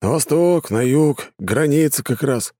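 A man's voice: medium pitch, animated, unhurried, warm tone, dry recording, clean studio sound, pitched above the performer's own voice. A male narrator voicing a down-to-earth adult male conscript who talks in casual, blunt banter. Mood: chatty. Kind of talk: audiobook narration with voices.

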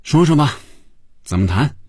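男人演的严肃讥讽的男老总, 语调起伏大, 有些沙哑. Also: male voice, medium pitch, animated, measured pace, warm tone, breathy edge, no room sound, studio quality, pitched above the performer's own voice. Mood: mocking. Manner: stern, mocking. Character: stern sardonic male company boss.

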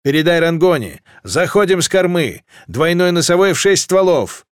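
A man voicing an eager young male galley captain in an audiobook, barking quick orders. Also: a little high, very animated, clear, resonant tone, dry recording, studio quality. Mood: excited.

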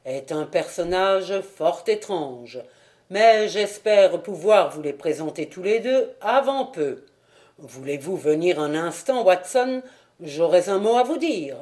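A man reading the part of a sharp-minded amateur detective who speaks in a calm, assured way. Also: high-pitched. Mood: quiet. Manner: assured, measured.

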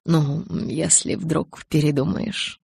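An intense young male vampire lover speaks in a low, insistent murmur, as a woman reads him in an audiobook. The tone sits deep and husky, and the recording is close and dry. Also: flat delivery, takes it slowly, a little mellow, no room sound, exaggerated voice. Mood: teasing. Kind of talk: audiobook character reading.

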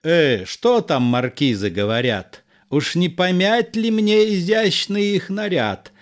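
A man's voice: high voice, lively intonation, slow, pitched above the performer's own voice. A man doing a scornful swaggering swordsman. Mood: mocking. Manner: scornful, threatening, mocking politeness. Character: bold swaggering swordsman poet, mocking and fierce.

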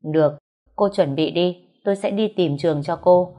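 A woman's voice: fairly low pitch, moderate pace, dark tone, lo-fi sound, close to an everyday voice. Woman doing a curt commanding young master. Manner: curt, giving orders. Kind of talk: storytelling audiobook.

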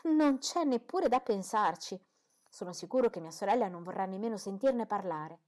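An amiable, easygoing young gentleman, as a woman narrator reads him out, friendly and eager in his replies. He is given a light, cheerful lift in an audiobook reading. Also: medium pitch, animated, fairly quick, voice pushed up, close to an everyday voice.

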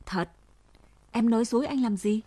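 A gentle young villager pleads and reassures, voiced by a woman narrator. The tone is earnest and soothing, close to the mic in a dry, dead space. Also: on the high side, moderate pace, dry recording, natural voice. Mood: coaxing.

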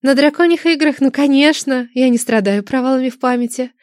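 A woman's voice: high-pitched, brisk, darkish tone, dry recording, clean studio sound, natural voice. A woman reading an audiobook, voicing a haughty, mercenary young dragoness with an airy, scornful, dismissive manner. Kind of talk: audiobook character voice.

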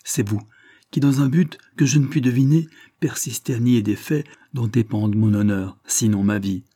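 A man's voice: medium pitch, steady tone, normal speed, dark tone, close to an everyday voice. A man reading the part of a distraught young woman in an audiobook, pleading and indignant.

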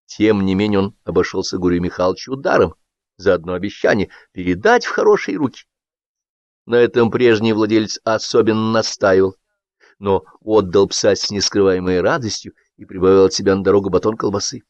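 A man's voice: on the low side, a little fast, darkish tone, no echo. A man narrating a satirical novel as an audiobook reader, telling the story expressively. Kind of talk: scripted literary narration. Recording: dull lo-fi audiobook recording.

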